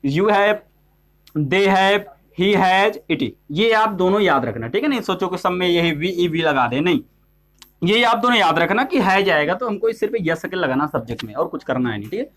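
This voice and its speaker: A man's voice: sits high, sing-song, moderate pace, fairly bright tone. A male English teacher giving a classroom-style grammar lesson, asking questions and answering them himself, and checking often that students follow. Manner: repeats "ठीक है?" to check on students.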